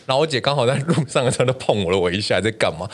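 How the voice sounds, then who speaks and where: A man, co-hosting a casual podcast and telling animated stories with plenty of swearing and loud laughs. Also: medium pitch, very fast. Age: 30s. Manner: animated storytelling, swears often, big laughs. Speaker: podcast co-host.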